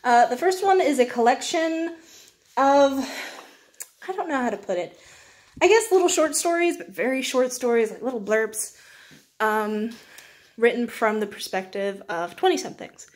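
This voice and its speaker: A young woman reviews books in a video, her voice a little high and expressive at a normal speed. She rambles casually and pokes fun at herself, letting out small laughs as she goes.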